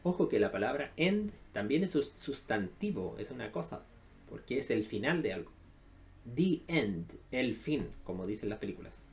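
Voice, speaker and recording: Guy teaching english online, mid pitch, lots of "eh"s, checks in with the class. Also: very animated, moderate pace, vocal fry. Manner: explains step by step, many "eh" fillers, checks in with "¿ya?". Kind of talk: recorded online lesson over slides.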